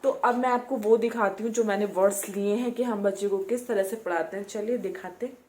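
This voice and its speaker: A young woman tutor casually explaining how to teach children reading, slowly sounding out English words letter by letter, with many fillers and repetitions. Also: mid-range voice, steady tone, darkish tone. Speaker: home tutor.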